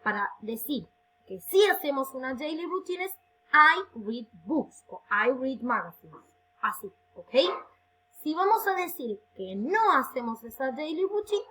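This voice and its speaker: Woman English teacher, Rioplatense accent, high animated voice, slow emphatic drilling. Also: poor audio. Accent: Rioplatense Spanish. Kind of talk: recorded online lesson, bilingual.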